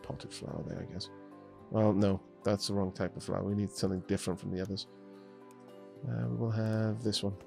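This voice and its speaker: A young man from Wales gives casual commentary on a building game from his home streaming setup in Scotland, chatting and thinking aloud with minor restarts. His fairly low voice is level, brisk, gravelly and a little mellow, over soft background music.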